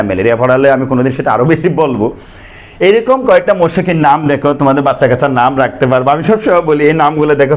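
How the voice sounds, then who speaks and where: A man teaching a biology class, joking and chatty, often asking students to answer or repeat after him. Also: medium pitch. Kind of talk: playful classroom lecture.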